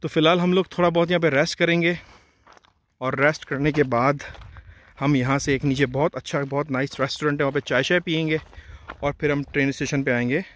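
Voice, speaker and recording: Slightly high and a bit bright, his fairly even voice moves a little fast as he casually narrates a travel vlog. This vlogger points out mountain views, then moves to a hilltop restaurant, short of breath from hiking.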